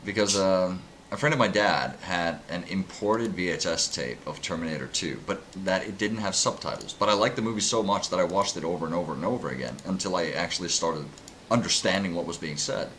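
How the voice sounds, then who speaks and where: A young Norwegian man with a Norwegian accent and a deep voice co-hosts a casual podcast chat, talking fairly quickly in a fairly bright tone, with a little hiss or hum. He rambles, jokes around and loses his train of thought.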